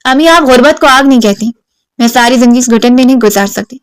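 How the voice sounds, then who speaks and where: A woman's voice: on the high side, clean tone, no echo, close to an everyday voice. Woman reading a defiant, stubborn young woman. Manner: sharp, defiant retorts. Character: proud, stubborn young woman chasing wealth.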